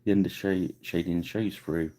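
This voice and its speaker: A man's voice: steady tone, normal speed, dark tone. A man hosting a live miniature painting tutorial, chatting casually and laughing at himself as he works. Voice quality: deep gravelly voice. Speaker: miniature painting livestream host.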